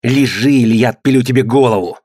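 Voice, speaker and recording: A man's voice: mid-range voice, fast talker, darkish tone, slightly rough, no room sound, clean studio sound, close to an everyday voice. A man reading the lines of a sly, cruel male mutineer in an audiobook, menacing and commanding.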